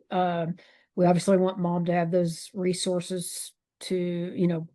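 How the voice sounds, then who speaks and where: A woman presiding as judge in a courtroom recording, speaking plain procedural language in an informal, halting way. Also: on the low side, warm tone. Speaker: judge presiding over a hearing. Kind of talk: plain procedural speech from the bench.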